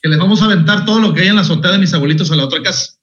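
A man's voice: high voice, racing. A man with a Mexican accent, a motivational speaker, telling childhood stories in a casual chat, often laughing and full of slang. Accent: Mexican Spanish. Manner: laughing, animated anecdotes with slang. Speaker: podcast guest, motivational speaker. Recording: echoey room, dull lo-fi sound.

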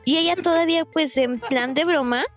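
Young mexican woman telling a story, high voice, lots of fillers, soft music in the back. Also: normal speed. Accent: Mexican Spanish. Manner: laughs often, chatty fillers, animated retelling. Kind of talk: casual storytelling.

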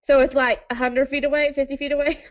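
A woman's voice: high-pitched, level tone, fast, muffled recording. A woman tabletop player in casual chat, playfully checking details and plans aloud.

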